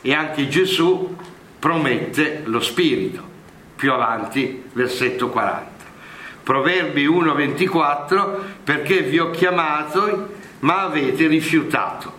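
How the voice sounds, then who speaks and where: Slow, bright-voiced male Bible teacher. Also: fairly high pitch, a little hiss or hum. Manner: measured, explanatory, asks rhetorical "no?" and "eh?". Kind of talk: scripture commentary lesson. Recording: echoey room.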